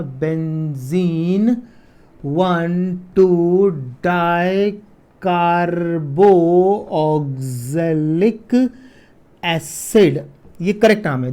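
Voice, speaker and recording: A man's voice: high voice, a little mellow. Chemistry teacher, man. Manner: repeats key terms slowly, asks students "clear?". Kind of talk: casual classroom lecture.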